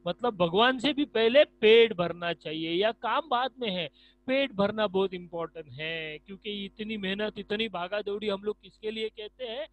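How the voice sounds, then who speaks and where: Teacher guy, high voice, goes over every word and repeats it for the class. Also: moderate pace, a bit bright, poor audio. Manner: explains each word and repeats it for students. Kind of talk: online lesson explaining a story.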